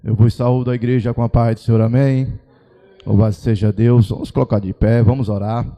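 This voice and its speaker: A man leading a church service in prayer, building from calm greetings to impassioned pleading. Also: mid-range voice, fairly quick. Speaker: church leader opening the service. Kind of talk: fervent congregational prayer. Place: church sanctuary.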